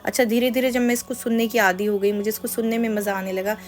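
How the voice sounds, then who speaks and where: A woman hosting her own channel, telling a personal religious testimony in an earnest, confiding, unhurried way. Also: fairly high pitch, steady tone. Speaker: channel host.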